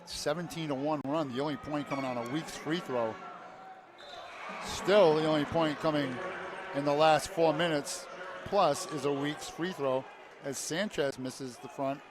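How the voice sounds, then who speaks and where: A man calling a high school basketball game play by play in short clipped phrases, rising to shouts on big plays. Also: steady tone, a little slow. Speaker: play-by-play announcer. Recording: loud crowd and arena noise. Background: cheering crowd, bouncing basketball.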